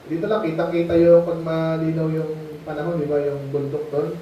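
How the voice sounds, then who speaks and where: A man's voice: on the high side, little pitch movement, a little fast, slight background noise. A man preaching a Bible lesson to children in a conversational way, often stopping to ask them questions. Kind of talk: Bible lesson sermon in Tagalog. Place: mission meeting space. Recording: muffled, echoey room, distant mic.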